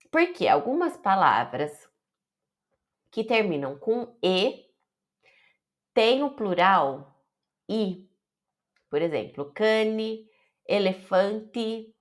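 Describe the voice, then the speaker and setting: A woman with a Brazilian Portuguese accent teaching an online Italian lesson, carefully stretching out her example words. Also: mid-range voice.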